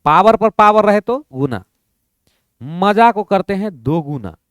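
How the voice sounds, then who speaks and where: A man's voice: high-pitched, lively intonation, unhurried, clean tone, dry recording, studio quality. A man teaching maths in a playful classroom lesson, acting out both sides of a dialogue.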